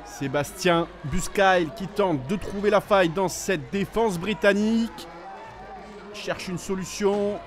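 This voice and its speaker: A man giving excited sports commentary, calling the play as it happens with urgency on each attack. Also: sits high, slow pace, over music, a crowd in the background.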